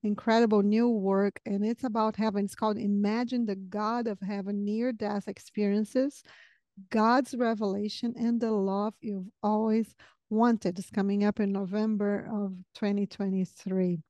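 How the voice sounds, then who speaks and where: With a Brazilian accent and Portuguese as her native language, a middle-aged woman from the south of Brazil hosts a podcast interview in a conversational style. She's on a video call in a home study lined with bookshelves, close to a boom-arm podcast microphone. Her mellow, mid-range voice holds a level tone at a measured pace, and the recording is dry.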